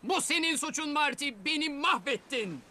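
A man's voice: extremely high pitch, lively intonation, moderate pace, exaggerated voice. A man voicing a proud, hot-tempered male lion in a cartoon dub, theatrical and threatening. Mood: grumbling. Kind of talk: cartoon dubbing. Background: loud music.

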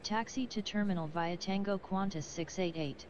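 A woman voicing an airline pilot over the radio, reading back clearances in clipped, formulaic phrases. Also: medium pitch, normal speed, muffled recording, slight background noise. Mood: calm.

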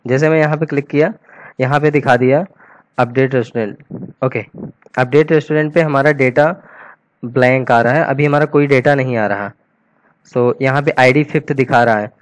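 A man teaching a coding tutorial over a screen recording, talking casually and thinking aloud as he types, slipping English terms into his Hindi. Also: mid-range voice.

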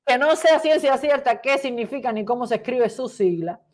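A woman's voice: high-pitched, a little mellow, a little hiss or hum. Woman host reading indignantly. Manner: indignant, dramatic reading with emphatic stresses. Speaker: talk show host. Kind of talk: reading a letter aloud.

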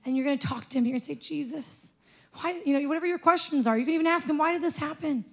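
A young woman speaking on a church stage with a handheld mic, gently coaching the congregation through a guided prayer. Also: sits high, quick pace, gravelly.

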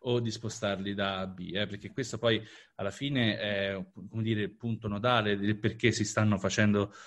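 A man with a low, flat voice makes his points slowly and carefully. He hedges often and leans on fillers while he thinks. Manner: measured, hedging with fillers. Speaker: podcast co-host. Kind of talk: casual panel discussion.

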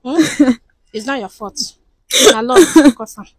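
A woman's voice: high-pitched, unhurried, a little mellow, no room sound, rough recording. A woman acting a friend who pleads with a mother to forgive and then soothes the crying daughter. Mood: soothing. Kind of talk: skit drama acting.

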